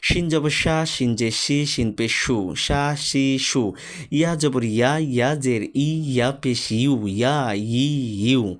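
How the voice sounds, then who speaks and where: A young man teaching a recorded reading lesson, reciting letter sounds in a steady, patient drill for viewers to repeat. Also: mid-range voice, slow.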